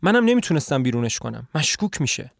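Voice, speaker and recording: A man's voice: mid-range voice, sing-song, vocal fry, dry recording, clean studio sound. A man voicing a nervous, obedient young maid in a dramatized play reading, hesitant and flustered.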